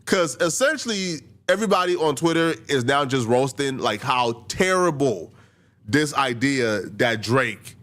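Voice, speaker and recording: A man hosting a casual commentary show, animated and repeating himself for emphasis. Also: medium pitch.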